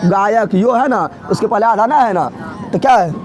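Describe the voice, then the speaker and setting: A man's voice: high voice, expressive, moderate pace. A man teaching an exam-prep grammar lesson, asking questions and answering them himself in a repetitive drilling way. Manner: drilling, asks and answers his own questions.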